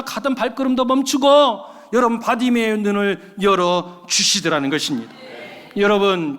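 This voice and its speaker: A man preaching a sermon as pastor, emphatic and calling out often to the congregation. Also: high voice. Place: church sanctuary. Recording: long church hall reverb.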